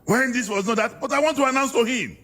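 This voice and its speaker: Fiery Nigerian man, high husky voice. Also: fast talker, fairly bright tone. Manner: fiery, preacher-like, emphatic. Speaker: political guest. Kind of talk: heated political interview.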